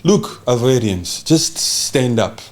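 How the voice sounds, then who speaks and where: A man from Congo hosting a heated political talk show. His pitch swings widely as he jumps between fierce outbursts and lower asides. He is forceful and insistent, and he keeps checking that his audience is following him. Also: lively intonation, slow pace, a little hiss or hum. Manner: fiery, emphatic, swears and repeats "you understand?". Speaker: podcast host.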